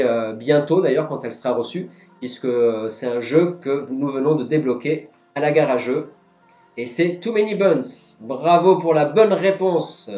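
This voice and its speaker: A man's voice: on the high side, darkish tone. Male quiz host on a live stream, patient explainer, echoey room, faint music bed. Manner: patiently explains each answer. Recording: roomy, dull lo-fi sound, faint music.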